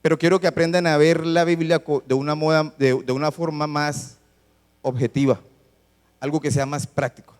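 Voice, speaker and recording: A man's voice: on the high side, level tone, moderate pace. A man preaching a sermon to a congregation, teaching as he reads scripture aloud and asks the listeners questions. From Colombia. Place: church hall. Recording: long church-hall reverb.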